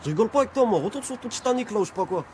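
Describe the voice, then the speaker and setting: A cocky young street guy, brash and slangy. He talks quickly with a lively pitch, and the street behind is noisy.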